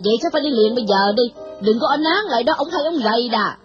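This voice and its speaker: A woman's voice: fairly high pitch, expressive, very fast, dull audio, soft background music, close to an everyday voice. Woman doing a stern scolding old matron. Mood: commanding. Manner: reproachful, lecturing. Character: stern older woman scolding an orphan girl.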